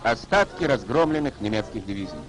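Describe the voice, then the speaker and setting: A man's voice: medium pitch, big pitch swings, brisk, loud music behind the voice, rough recording. A man reading scripted wartime narration for a 1940s newsreel in a solemn, declamatory announcer delivery. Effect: 1940s newsreel voice-over. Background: orchestral score.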